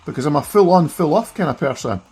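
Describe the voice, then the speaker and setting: Husky man with a broad Scottish accent. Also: fairly high pitch, animated, quick pace, a little mellow, soft background music. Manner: self-deprecating, chatty. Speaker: streamer reviewing a gaming handheld. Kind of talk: casual live gameplay commentary.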